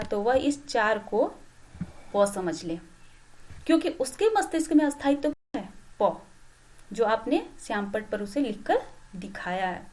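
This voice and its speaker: A woman with a high voice gives a patient lesson to teacher trainees. She talks through each point step by step. She keeps checking in with her listeners and pauses on fillers as she goes. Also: darkish tone. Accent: Hindi. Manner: explains slowly with many "ठीक" check-ins and fillers. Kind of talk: classroom lecture.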